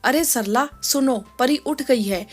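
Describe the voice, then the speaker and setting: A woman voicing an older retired grandfather in a storybook tale, who speaks in a lower, softer voice than her own and teases mildly. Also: slow pace, soft background music. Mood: fond, mild. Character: older retired man, gently teasing grandfather.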